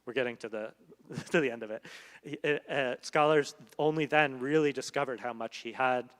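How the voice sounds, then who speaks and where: The literary translator talks at normal speed in a mid-range voice during this onstage conversation. He's reflective and halting, using many fillers, while the event hall's long reverb trails behind his words.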